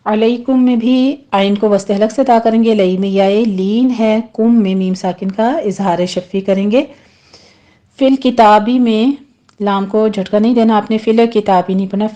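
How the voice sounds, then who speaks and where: A woman's voice: medium pitch, warm tone. A woman teaching Quran recitation rules step by step, patiently explaining each sound and modelling the correct pronunciation. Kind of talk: tajweed lesson.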